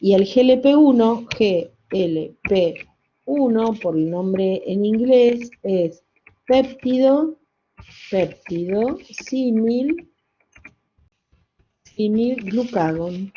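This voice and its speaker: An older woman lecturing a class at an unhurried pace, pausing to correct herself and checking in with "¿no?". Her voice is mellow and dark. The recording is dull and lo-fi. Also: medium pitch, expressive, slight background noise. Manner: explains step by step with rhetorical questions and wry asides; self-correcting, checks understanding with "¿sí?" and "¿no?". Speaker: university lecturer.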